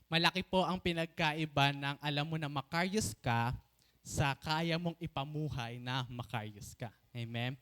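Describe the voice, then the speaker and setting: A man delivers a sermon in a fairly high, smooth and clear voice. He mixes English into his Tagalog and keeps turning to the congregation for an amen. He slows down and stretches out the phrases he wants to land. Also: a bit bright. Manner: preaching in Tagalog mixed with English, calls for amens. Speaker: preacher.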